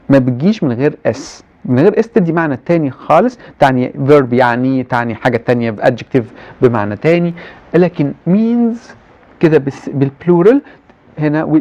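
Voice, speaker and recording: An Egyptian man lectures on English translation, his pitch lively and swinging, his voice mellow and on the darker side. He drags out the English examples word by word, then speeds up through his Arabic explanations. The recording is dull and lo-fi. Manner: reads English slowly and deliberately, explains quickly in Arabic.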